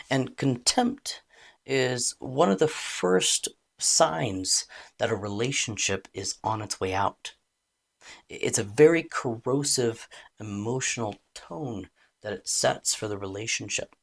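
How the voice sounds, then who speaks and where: Female relationship coach: low, gravelly voice, calm and deliberate teaching delivery. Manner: calm, deliberate explaining with expressive emphasis. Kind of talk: measured educational talk.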